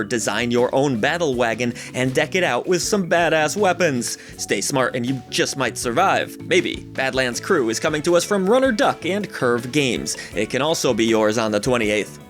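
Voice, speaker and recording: A man's voice: medium pitch, a bit bright. A man narrating a scripted roundup of new game releases in an upbeat, jokey way, with playful asides, over background music. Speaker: gaming channel host.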